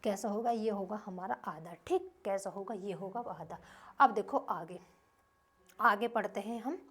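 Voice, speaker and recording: A woman's voice: medium pitch, unhurried, a bit bright, breathy edge. A woman teacher giving a grammar lesson to young children, asking short questions and answering them herself in a repetitive drilling rhythm.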